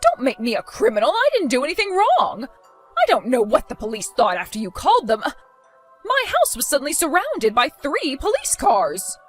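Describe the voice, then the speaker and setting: A spiteful, scheming mother-in-law, voiced by a woman in a dramatized story, protesting her innocence in a high, swooping voice. Soft music plays beneath her. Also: wildly swooping pitch, moderate pace. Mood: indignant.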